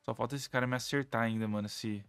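A man's voice: medium pitch, fairly even intonation, fast, background noise. A man with a Brazilian Portuguese accent giving live gameplay commentary as host of a gaming channel, complaining in an exasperated, whiny way with slang and swearing.

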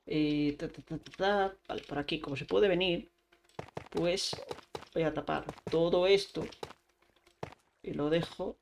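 A young woman chats slowly through her gameplay, narrating each move with playful sound effects. Her voice sits a little low for a woman. A faint hiss and clicks run under her talk. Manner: chatty, narrates every action with sound effects. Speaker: streamer. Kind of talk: live gameplay commentary. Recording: faint background noise with clicks.

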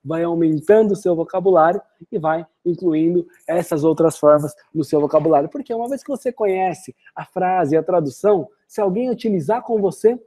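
A woman with a Brazilian Portuguese accent giving an online English lesson, explaining phrases and then saying the English examples slowly and clearly. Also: fairly low pitch, warm tone. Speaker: English teacher.

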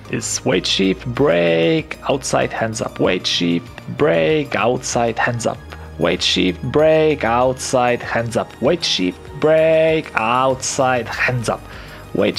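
A man's voice: mid-range voice, slow, creaky, a bit bright, faint music behind. A young man giving an enthusiastic, casual first-person voice-over about his flight, swearing freely now and then. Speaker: paragliding vlogger.

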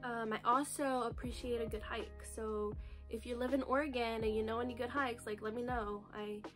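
A woman's voice: on the high side, fairly even intonation, normal speed, music in the background. A woman in her twenties from the United States, talking nervously and chattily in a casual vlog recorded on her phone, with lots of "like" and "you know". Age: 20s. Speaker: vlogger. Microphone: phone camera video.

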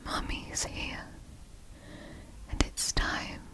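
A woman's voice: drawn-out words, bright, forceful tone. A woman playing a tender, motherly girlfriend in a whispered role-play, speaking in an intimate, soothing whisper for sleep ASMR.

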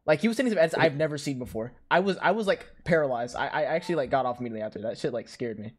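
A man's voice: medium pitch, expressive, racing. A young man hosting a casual podcast with friends, rambling with lots of filler words and frequent laughs. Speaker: podcast host. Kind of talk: casual chat among friends.

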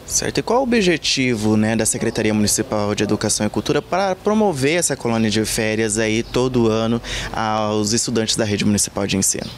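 A Brazilian man in his thirties reports from a leafy yard outdoors, asking interview questions into a handheld reporter microphone. His lowish voice has lively intonation and a slightly fast pace with hardly any pauses, and faint outdoor background noise can be heard.

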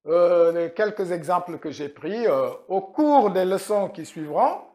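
A man leads a spoken language lesson at an unhurried pace, his pitch rising and falling a lot. He drills pronunciation by saying each example word several times in a row. His first language is Manjaku. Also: animated, dark tone. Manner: slow, repeats words to drill pronunciation. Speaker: language teacher.

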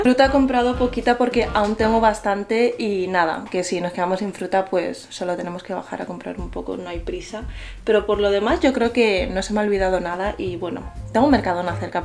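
A woman's voice: medium pitch, darkish tone. A young woman with a Spanish accent, chatting animatedly and mocking herself as she shows her shopping in a vlog, filmed with a handheld camera in a small home kitchen. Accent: Spanish from Spain. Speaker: vlogger. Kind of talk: casual vlog chat. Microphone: handheld camera close to face.

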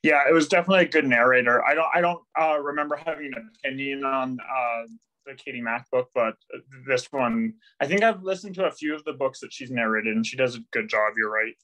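Bright-voiced man rambling casually. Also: medium pitch, fairly quick, low-quality recording. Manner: rambling, lots of likes and ums, self-deprecating. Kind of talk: casual online discussion. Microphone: video call.

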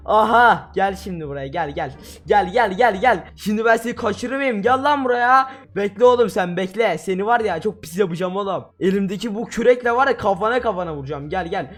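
A man giving loud, excitable commentary on his own gameplay, often shouting at other players. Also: sits high. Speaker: gaming video host.

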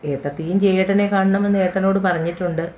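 A man's voice: high-pitched, steady tone, fast talker, a little mellow, slight background noise, close to an everyday voice. Woman voicing a matter-of-fact young nephew. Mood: explaining.

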